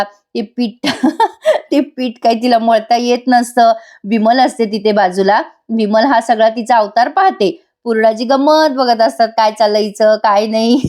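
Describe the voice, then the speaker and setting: A woman's voice: a little high, darkish tone. A woman giving a chatty voice-over review of a TV serial, talking straight to viewers and laughing often.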